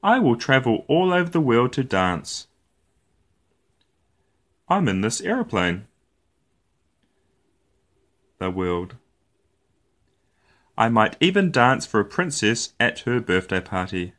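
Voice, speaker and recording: A man reads aloud from a children's picture book in a medium-pitched voice. The delivery is expressive storytelling, marked by playful, deliberate phrasing.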